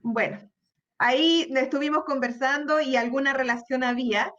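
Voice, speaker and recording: A woman's voice: sits high, moderate pace, a bit bright, highs cut off. A Chilean woman psychologist speaking as a radio guest, explaining earnestly and candidly. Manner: earnest, explanatory, candid about own fears. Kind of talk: conversational interview.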